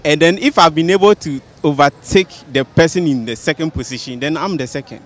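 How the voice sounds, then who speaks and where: A man's voice: a little high, brisk. A man, answering questions in a casual street interview. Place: busy outdoor spot under a city flyover. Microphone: handheld interviewer's microphone. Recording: faint outdoor street noise.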